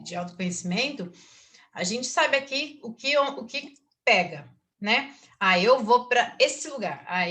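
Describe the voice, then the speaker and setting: A woman's voice: medium pitch, bright, forceful tone. A woman hosting a casual book group talk, chatty and acting out her own inner voice. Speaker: book circle host and teacher.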